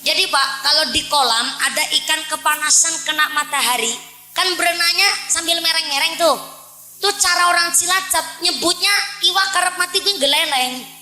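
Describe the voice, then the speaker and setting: Her very high voice comes across bright and forceful at a moderate pace, reverberant on a low-quality recording. She is a woman preacher from Central Java, speaking with a Banyumas Javanese accent, delivering a joking religious sermon at a village gathering and often addressing the men as "Pak."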